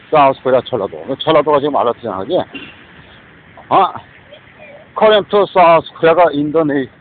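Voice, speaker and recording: A man from South Korea delivering a disjointed, repetitive rambling rant as a vlogger. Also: mid-range voice. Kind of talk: rambling spoken monologue. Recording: tinny phone-like recording with faint noise.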